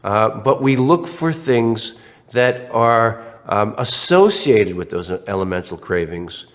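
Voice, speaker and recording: Speaking slowly on the low side, this online lecturer sounds a bit congested from a cold. He restarts often and uses many fillers, and his animated style includes voicing questions as other people.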